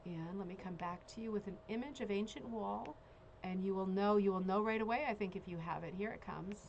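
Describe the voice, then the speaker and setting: Fairly quick and a little mellow, this medium-pitched woman hosts a relaxed live craft show, calling bingo, checking in frequently, and reading descriptions aloud. The audio is dull, and background noise is easy to hear.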